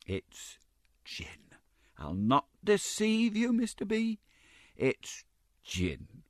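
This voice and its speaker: A man voicing a fawning, scheming middle-aged woman nurse with a shrill, gushing, wheedling manner. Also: wildly swooping pitch, slow, no echo, clean studio sound, heavily acted.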